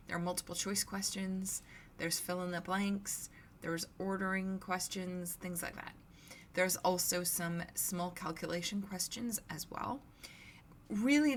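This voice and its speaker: Woman instructor, lower voice with a hoarse, gravelly rasp, talking students through a recorded lecture in an easy, conversational way. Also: slight background noise. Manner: relaxed, conversational explaining. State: scratchy, hoarse voice. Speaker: university instructor.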